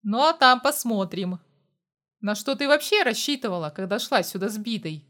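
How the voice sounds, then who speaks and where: A woman's voice: fairly high pitch, expressive, moderate pace, a bit bright. Woman voicing a blunt, menacing male mercenary. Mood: gruff.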